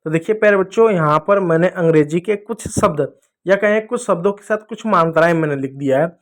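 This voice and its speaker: High-voiced man teaching kids phonics. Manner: repeats questions and answers them himself, coaxing; sounds out letters slowly. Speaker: English teacher for children. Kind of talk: Hindi phonics lesson for kids.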